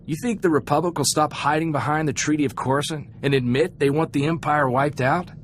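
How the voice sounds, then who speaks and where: An actor voices an earnest, idealistic young freighter crewman in a video game, chatting in a folksy way. His voice is on the high side, fairly quick and lightly acted, with clear background ambient noise in the recording.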